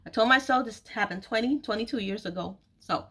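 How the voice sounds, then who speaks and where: In a personal storytelling video, a woman in her forties speaks a little fast in a highish, somewhat bright voice. She's the host of an online video series and an author telling her own story, talking candidly and confidingly to her audience while stressing and often repeating key phrases.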